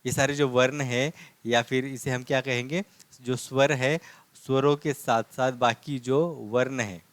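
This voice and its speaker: A man's voice: medium pitch, fairly even intonation, measured pace, dry recording. A man teaching a language lesson, patiently repeating points and answering his own questions. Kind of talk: classroom lesson explaining script.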